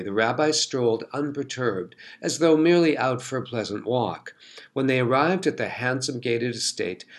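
A man narrating a story in a measured, scripted storytelling delivery. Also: medium pitch.

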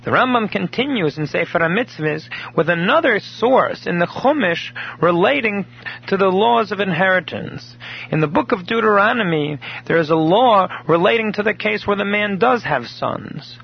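A man teaching a recorded daily Torah class, telling a story in a measured way and explaining Hebrew terms in English. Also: high-pitched, lively intonation, vocal fry, husky. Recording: dull lo-fi recording.

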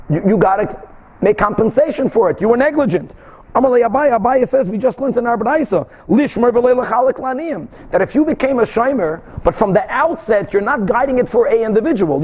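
A man's voice: high-pitched, darkish tone. A man teaches a religious text class. He translates and explains as he goes, posing rhetorical questions and answering them himself with emphasis. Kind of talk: explanatory lecture, translating and commenting line by line.

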